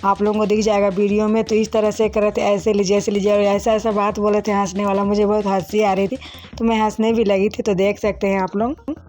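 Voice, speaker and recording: This casual voice-over comes from a young woman narrating her own wedding video; she talks to viewers like friends and uses plenty of fillers. Her medium-pitched delivery is flat and brisk, with music in the background.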